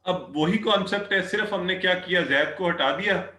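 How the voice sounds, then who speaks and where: A man teaching an online Arabic class, repeating phrases slowly and checking often that the students follow. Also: high-pitched, bright, forceful tone. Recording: echoey room.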